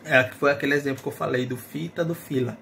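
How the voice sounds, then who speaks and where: A man's voice: mid-range voice, fairly even intonation, fast, creaky, sharp tone, slight background noise. A man teaching a phonetics lesson in Portuguese, explaining patiently and often checking in with his students. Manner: explanatory, checks in with tag questions.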